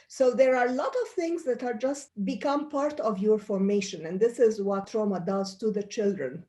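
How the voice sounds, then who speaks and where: Speaking at a normal pace with a mellow, medium-pitched voice, this middle-aged pediatrician from Egypt answers interview questions. Her explanations are earnest, punctuated by frequent restarts.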